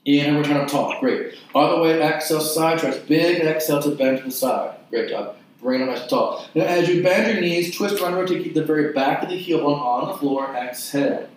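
A man leading an exercise class, giving short, clipped cues and counting repetitions in a measured rhythm. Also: fairly high pitch, slight background noise. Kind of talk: guided mat exercise instruction with counted repetitions. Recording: very echoey room, distant mic.

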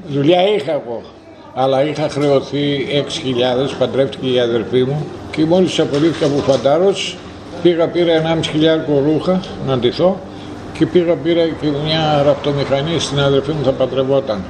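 An older man from northern Greece, a former coal miner, telling his life story in a rambling, vivid way and acting out old conversations. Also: medium pitch. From Thrace, northern Greece. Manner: rambling, vivid, acts out dialogue. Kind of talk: storytelling interview. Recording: noisy background.

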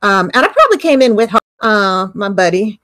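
A woman's voice: mid-range voice, sing-song, normal speed, a bit bright, no room sound, clean studio sound. A woman with an Appalachian accent, role-playing casually in a tabletop game with folksy, plain-spoken hillbilly talk. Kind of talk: in-character role-play, casual.

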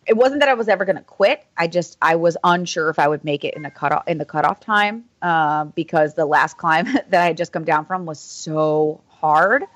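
A woman's voice: sits low, moderate pace, hardly any pauses, dry recording. A woman guest on a podcast, chatting casually about running and laughing often, with many "like" fillers. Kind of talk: casual chat.

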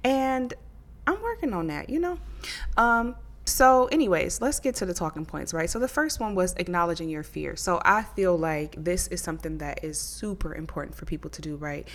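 A woman's voice: fairly low pitch, animated, normal speed. A young woman hosting her own podcast from her living room, talking casually and candidly into a handheld mic, cursing freely and laughing often. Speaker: podcast host. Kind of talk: casual solo podcast talk.

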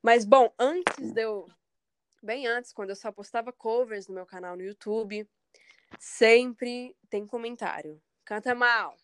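A woman's voice: fairly high pitch, slow, clear, resonant tone. A woman from Brazil, a singer, speaking candidly and emphatically in a casual interview, acting out the comments of others.

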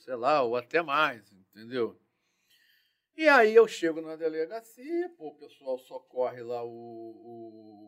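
Animated man telling police stories. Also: a little high. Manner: animated, slangy and profane, acts out dialogue. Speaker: interview guest, former police chief. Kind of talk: casual storytelling interview.

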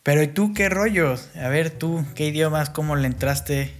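A man's voice: on the high side, normal speed, a little hiss or hum. A bilingual man with a Mexican accent, native in English and Spanish, co-hosting a casual podcast. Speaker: podcast co-host.

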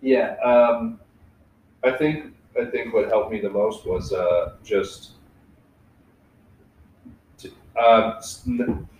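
A man's voice: fairly low pitch, lively intonation, slow pace, pauses often, darkish tone, distant mic, slight background noise. A young man hosting a casual podcast, talking candidly and reflectively, swearing freely and leaning on filler words. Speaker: podcast host. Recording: echoey room, away from mic.

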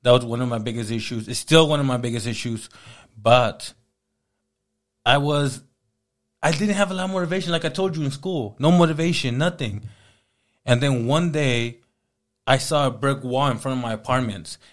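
A man's voice: mid-range voice, moderate pace, pauses often. A man in his thirties telling his life story as an interview guest, casually and with lots of acted-out dialogue. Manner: animated, acts out quoted dialogue.

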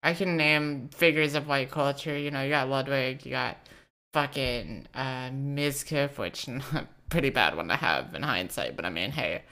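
A woman's voice: a bass voice, unhurried, pushed and bright. A woman co-hosting a casual comedy chat, swearing freely and joking in loose rants. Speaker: co-host.

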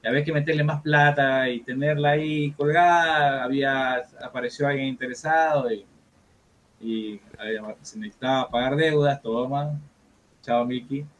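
A man, a guest guitarist telling lively anecdotes in a casual interview, with many fillers and restarts. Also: medium pitch, normal speed.

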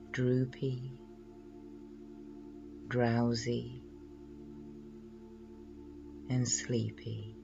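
A man leading a guided relaxation in a slow, soothing hypnotist's manner, measured and full of pauses. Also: medium pitch, dull audio.

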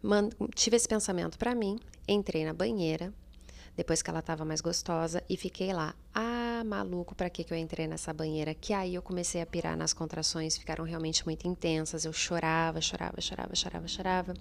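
Frank, gravelly-voiced woman storyteller. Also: lowish voice, fairly quick. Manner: frank and expressive, swearing freely, acting out her own panicked past voice. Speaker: podcast host. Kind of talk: candid personal storytelling.

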